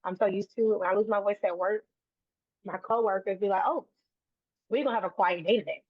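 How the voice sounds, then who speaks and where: A woman speaks at a mid-range pitch and a brisk pace as an earnest guest in a casual interview, restarting and repeating phrases along the way. The recording is dry, with no echo, and sounds thin and tinny like a phone line.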